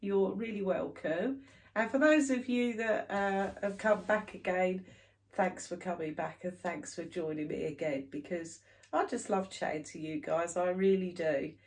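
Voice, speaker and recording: A cross stitch vlogger in her thirties, stuffed up with hay fever, chats casually to camera about her stitching. Her voice is lowish and a little mellow, at a measured pace, and she rambles with plenty of fillers.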